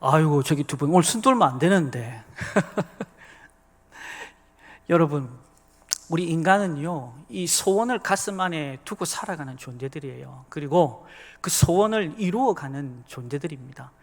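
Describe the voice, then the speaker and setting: A man preaches a sermon and chats directly with his congregation. His voice sits fairly high. A long reverb from the church sanctuary trails each phrase. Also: expressive, moderate pace. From Busan, South Korea. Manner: chatty, speaks directly to the congregation. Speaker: associate pastor. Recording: long reverb of a large hall.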